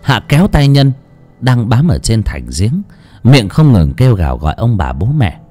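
A man's voice: medium pitch, normal speed. A man narrating a horror audiobook dramatically. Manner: dramatic, expressive. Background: faint music.

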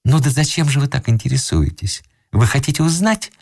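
A man voicing a flustered elderly gentleman in a raccoon coat, fussy and pleading with wounded dignity. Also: mid-range voice, expressive, fairly quick, gravelly, dry recording, clean studio sound, voice pushed up. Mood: fretful pleading. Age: older.

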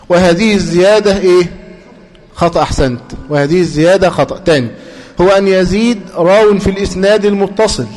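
A man with an Egyptian Arabic accent teaching a class, repeating points and pausing so students can finish his sentences. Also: high voice, a little mellow. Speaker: teacher of hadith terminology. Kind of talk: classroom lecture with call-and-response questions.

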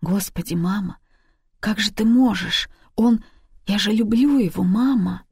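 A woman's voice: lowish voice, steady tone, moderate pace, darkish tone, no echo, lightly acted. Woman voicing a daughter around thirty, desperate, pleading, urgent, emotional, dry close sound.

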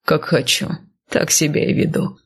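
A woman reading an audiobook, voicing a large, brash, teasing nobleman husband in a low, hushed tone. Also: moderate pace, lightly acted.

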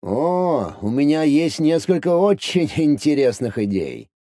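A man reading an audiobook, voicing a calm, secretive man who speaks in a measured, condescending way. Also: a little high, no echo, studio quality, voice pushed up.

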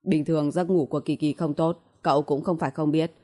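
A woman's voice: low voice, steady tone, a little fast, mellow. A woman voicing a blunt, protective young man who scolds curtly, in an audiobook reading. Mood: calm. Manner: curt and scolding.

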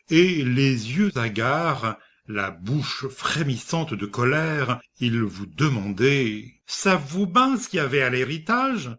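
A man reading a short story aloud as narrator, in a slow, measured way. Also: mid-range voice, a bit bright. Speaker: audiobook reader.

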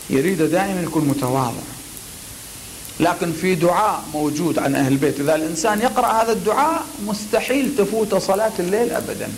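A man, a cleric, giving a religious lecture on the craft of preaching, speaking deliberately and emphatically with pauses before key words. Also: sits high, a little hiss or hum, low-quality recording.

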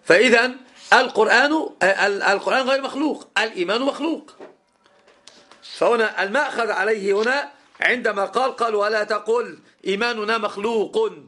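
A middle-aged man teaching a classroom lesson as an Islamic scholar, his voice pitched notably high for a man. He drives points home by repeating phrases and drawing out key words. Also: brisk, bright, forceful tone. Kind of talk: classroom lecture on legal theory.

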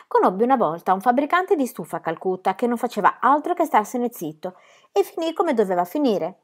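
A woman's voice: a little high, big pitch swings, fairly quick. A woman reading a storybook aloud and voicing a bold, cheeky little girl who tells exuberant tall tales. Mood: boastful. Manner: exuberant, theatrical, tall-tale telling.

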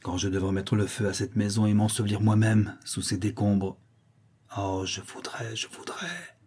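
A man's voice: fairly low pitch, flat delivery, a little fast, warm tone, breathy edge. A man voicing a blind, brutal old brigand who growls about revenge. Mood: vengeful. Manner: growling, bitter, menacing.

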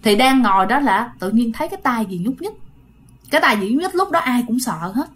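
A woman's voice: on the high side, expressive, fairly quick, fairly bright tone. A woman with a Southern Vietnamese accent telling a ghost story in a chatty way, talking straight to her listeners. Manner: chatty, addressing listeners directly.

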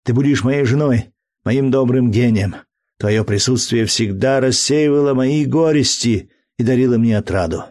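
A man reading an audiobook, voicing an earnest, emotional young man deeply in love in a fervent, slow delivery. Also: a little mellow, no echo, clean studio sound, natural voice.

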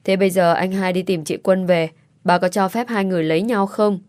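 A woman's voice: lowish voice, fairly even intonation, a little fast, a little mellow, dry recording, natural voice. A playful young daughter who teases, pleads and sulks, as a woman reads her in a storybook. The delivery is cheeky and coaxing, and it sounds dry and close to the mic. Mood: probing.

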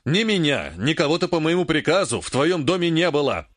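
A man doing a soft-spoken, measured emperor. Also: a little high, very animated, no echo. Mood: stern irritated. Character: calm, mild-mannered male emperor, later irritated.

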